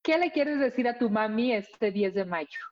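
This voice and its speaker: A woman's voice: on the high side, expressive, normal speed. A woman co-hosting a talk show, cheerful and coaxing with the children. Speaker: co-host. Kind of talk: casual TV chat. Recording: dull lo-fi audio.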